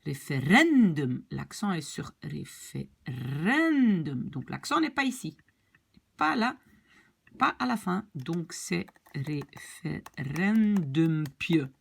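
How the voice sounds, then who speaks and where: A woman's voice: medium pitch, very animated, measured pace, creaky, long pauses, bright, forceful tone, husky. A woman teaching a language lesson, patiently going over rules, repeating key points and checking that her students follow. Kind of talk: explanatory lesson.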